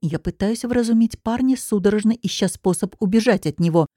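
A woman narrating a first-person audiobook with dramatic, expressive storytelling. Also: medium pitch, a little fast, no room sound, studio quality.

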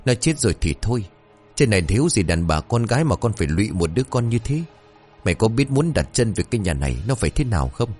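A man playing a sharp-tongued, proud mother in a spoken ghost story, scolding her son with exasperation. The voice sits low but moves with lively swings of pitch. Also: quick pace, husky, soft background music. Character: scolding middle-aged mother, proud and harsh.

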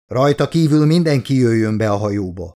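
A man voicing a cold, ruthless woman commander who speaks calmly and curtly in an audiobook. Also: mid-range voice, lightly acted. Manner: calm, curt and icy.

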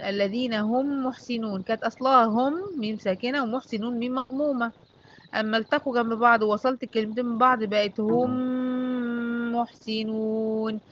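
A woman with an Egyptian accent teaching Quran recitation rules, asking and answering her own questions and reciting examples slowly. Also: mid-range voice, fairly bright tone, highs cut off, a little hiss or hum. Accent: Egyptian Arabic. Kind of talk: online class teaching tajweed.

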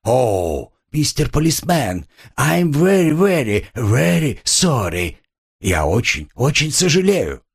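A man's voice: mid-range voice, big pitch swings, takes it slowly, vocal fry, husky, voice pushed up, exaggerated voice. A man voicing a timid, fussy, plump older American man who pleads in a raised, anxious voice. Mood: pleading.

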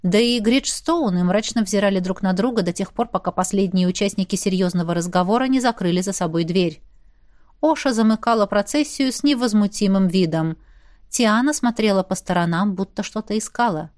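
A woman's voice: medium pitch, fairly quick, darkish tone, dry recording, studio quality. A woman reading a novel aloud as narrator, changing her voice for each character's lines. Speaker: audiobook narrator. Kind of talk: scripted narration with voiced dialogue.

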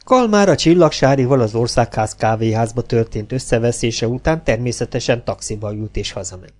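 A man's voice: mid-range voice, darkish tone. Man reading a comic novel aloud. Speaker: audiobook reader. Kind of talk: audiobook narration of a comic novel.

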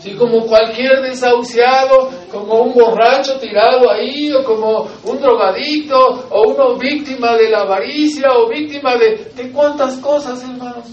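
A man's voice: extremely high pitch, steady tone, normal speed, hardly any pauses, dull audio. Male Mexican pastor, emphatic sermon, rhetorical questions, roomy hall, mic at a distance, faint background hum. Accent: Mexican Spanish. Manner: emphatic, rising to loud exhortation, asks and answers rhetorical questions.

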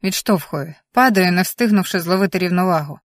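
A woman's voice: lowish voice, fairly quick, dry recording, clean studio sound. A woman reading a first-person story aloud as an audiobook narrator, in a tense, vivid present-tense manner.

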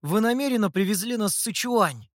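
A man reading as an idealistic young scribe with a raised, eager voice that swings between pleading and outrage. The delivery is lively and animated, and the recording is dry and close. It is an audiobook character voice, with the young man easily stirred to anger. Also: sits high, brisk, no room sound, pitched above the performer's own voice. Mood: indignant. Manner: pleading, indignant. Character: earnest young male scribe, idealistic and hot-tempered.

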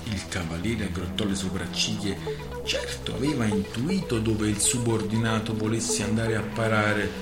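A man's voice: on the low side, moderate pace. A man giving a theatrical radio reading of a novel. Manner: theatrical narration. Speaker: radio reader. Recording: roomy with music behind.

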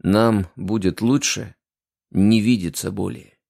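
A man playing a weary grown man who answers slowly and sullenly. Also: lowish voice, steady tone, vocal fry, a little mellow, dry recording, studio quality, full character voice. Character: weary grown man, town protector, calm lover.

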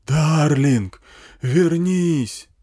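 A man's voice: a little high, drawn-out words, dark tone, voice pushed up. A man reading an audiobook voices a crude wasteland gang boss who bellows pleas and insults at his wife over a megaphone. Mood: pleading.

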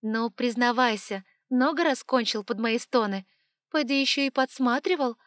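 A woman voicing an angry, tearful young heroine who shouts accusations in an audiobook. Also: a little high, normal speed, no echo, studio quality, pitched above the performer's own voice, close to an everyday voice.

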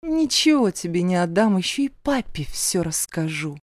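A woman's voice: big pitch swings, normal speed, dry recording, studio quality. A woman voicing a spiteful young stepsister who mocks and jeers in a raised, sneering voice. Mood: mocking. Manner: sneering, jeering, shrill screaming.

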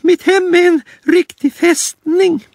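A squeaky, high, frightened little rabbit frets and fusses in a storybook reading. His voice sits far above the reader's own and rises anxiously, recorded close and dry with no room sound. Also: steady tone, creaky, dry recording. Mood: fretful. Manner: fearful, fretful. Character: timid, jittery young male rabbit.

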